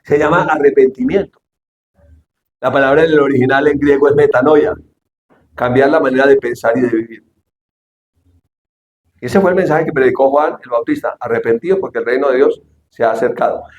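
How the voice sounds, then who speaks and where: A male pastor delivering an animated sermon, shouting the quoted lines and asking the congregation questions. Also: mid-range voice, fairly quick, long pauses, reverberant, muffled recording. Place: church hall.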